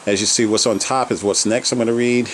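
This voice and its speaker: A man's voice: medium pitch, fairly even intonation, fast talker, a little hiss or hum, low-quality recording. A man casually narrating a tour of his basement collection, listing items one by one with fillers, recorded on a handheld camera. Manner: rambling item-by-item listing with fillers. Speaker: collector giving a home tour. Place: home basement.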